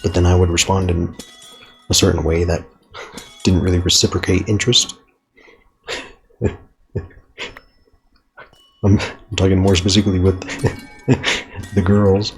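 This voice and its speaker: A man's voice: low-pitched, little pitch movement, measured pace, pauses often, faint music behind. A young man rambling reflectively through an unedited video journal while playing a game, swearing casually now and then.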